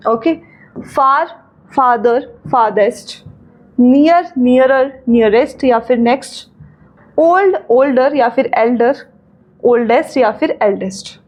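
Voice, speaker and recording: An Indian woman teaching grammar, reading rules slowly in English, then explaining in Hindi and asking checking questions. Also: sits high, a little mellow, poor audio.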